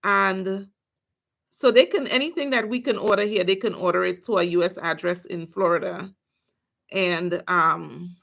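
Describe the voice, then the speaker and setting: This nail technician vlogger from Trinidad and Tobago does her nails on a livestream, chatting casually with viewers in a Trinidadian accent. Her voice is lowish and a bit bright, with vocal fry, and she talks at a normal speed.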